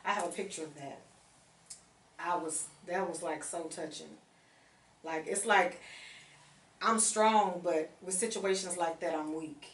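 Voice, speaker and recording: Low-voiced woman guest, echoey and distant. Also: unhurried, pauses often. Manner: earnest, emotional when telling stories. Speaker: guest, charity organizer. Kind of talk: casual interview chat. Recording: echoey room, voice off-mic, faint noise.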